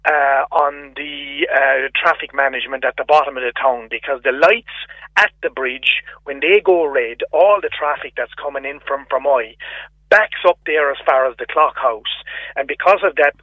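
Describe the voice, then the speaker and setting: A man's voice: medium pitch, normal speed, no room sound. A man with an Irish accent, calling in to a radio show over a phone line and ranting in exasperation, often repeating himself. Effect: heard over a phone line. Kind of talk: casual call-in complaint. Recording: tinny phone line, dry.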